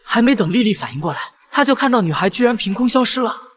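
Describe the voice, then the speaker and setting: A man's voice: high-pitched, sing-song, quick pace, fairly bright tone, slight background noise. A man reading scripted narration as a drama recap narrator.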